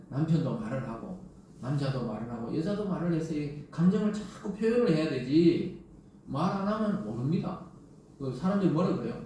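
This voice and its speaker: A middle-aged male pastor with a Gyeongsang accent preaches in a chatty, animated way, throwing out rhetorical questions. His voice is mellow and sits a bit high for a man. He is picked up from a distance in a large, strongly echoing church sanctuary with faint room noise. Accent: Gyeongsang Korean. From Gyeongsang region of Korea. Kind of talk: sermon. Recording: very echoey church hall from a distance.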